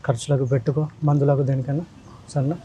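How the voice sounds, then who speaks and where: A man who makes charity vlogs. He talks in a gentle, reassuring way and asks lots of short questions. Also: medium pitch, level tone, fast, dull audio, a little hiss or hum. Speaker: charity vlogger. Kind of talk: casual chat.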